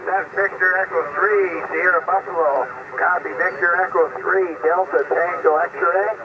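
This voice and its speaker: A man making a ham radio call, spelling out call signs in the phonetic alphabet with halting fillers, heard over a radio link. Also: sits high, steady tone. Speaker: amateur radio operator. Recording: muffled radio audio with heavy static.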